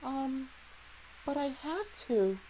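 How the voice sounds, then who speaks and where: Woman putting on a high, flustered schoolgirl. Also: expressive, takes it slowly, dark tone, a little hiss or hum, low-quality recording. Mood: worried, earnest. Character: anxious, polite teenage schoolgirl in horror game. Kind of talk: amateur dub reading of game dialogue.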